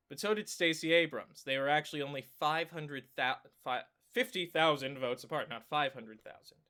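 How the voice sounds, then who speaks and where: A man with a clogged nose talking through election maps for his own channel in a casual way, thinking aloud with many fillers and self-corrections and breaking into excited exclamations. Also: on the high side. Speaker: political commentary YouTuber. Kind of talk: casual screen-share analysis.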